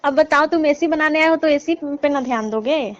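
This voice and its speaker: In a comedy call skit, a woman with a fairly high voice plays a coy, teasing, middle-aged married aunty who flirtatiously draws out her complaints in colloquial Hindi, like a staged intimate phone chat. Her acting is light and her pace normal. The sound is dull and lo-fi, as if from a recorded phone call.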